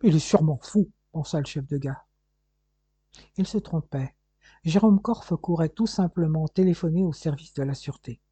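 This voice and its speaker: A man reading an audiobook aloud in a steady, measured narration. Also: on the high side, breathy edge, dry recording. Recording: dull lo-fi recording.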